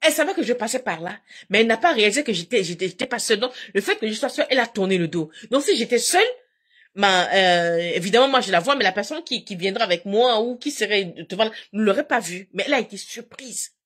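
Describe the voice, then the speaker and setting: Woman rambling to her stream viewers, breathy husky voice, animated, keeps repeating herself. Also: mid-range voice, quick pace. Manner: animated, repetitive, addresses viewers directly. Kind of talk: casual chatty storytelling.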